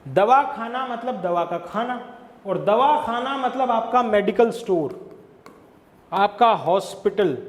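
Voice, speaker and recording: A man's voice: high-pitched, echoey room, big-room sound. A man with a Hindi accent giving an exam-prep lecture, explaining step by step and posing questions to himself before answering them. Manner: explains slowly, asks and answers his own questions. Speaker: English exam tutor. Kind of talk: classroom-style lecture.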